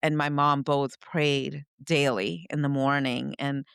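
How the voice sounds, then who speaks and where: A woman from India, a podcast co-host reflectively recounting her upbringing, often pausing to search for words. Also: very deep voice, little pitch movement, gravelly, clean tone, no room sound, studio quality. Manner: reflective, searching for words, frequent "you know". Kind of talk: personal storytelling in conversation.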